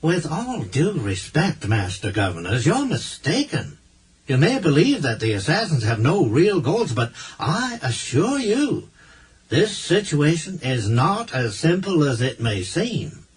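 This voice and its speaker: A man reading Clay Treadway, a confident husky diplomat. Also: on the high side, big pitch swings, a little slow, voice pushed up, exaggerated voice. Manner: confident, persuasive, slightly patronizing. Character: smooth self-assured male human diplomat.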